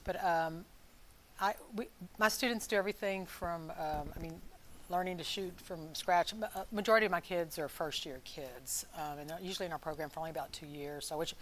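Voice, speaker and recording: A woman's voice: on the low side, brisk, a little hiss or hum. A woman from Louisiana, a teacher, talking easygoing and hesitant as an interview guest. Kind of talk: casual interview. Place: school campus room.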